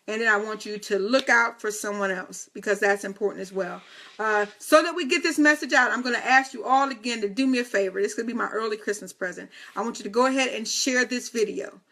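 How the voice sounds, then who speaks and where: This fifties-aged woman hosts a casual live video chat, talking straight to her viewers with playful teasing asides. Her voice leans high and bright, with vocal fry and a forceful edge, and she speaks a little fast.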